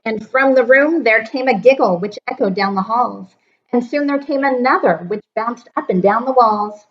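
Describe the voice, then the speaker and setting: Woman teacher, read-aloud, rhyming, rhythmic, higher voice, dull lo-fi sound. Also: moderate pace. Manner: expressive, rhythmic rhyming delivery. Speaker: elementary teacher. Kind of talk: reading a picture book aloud.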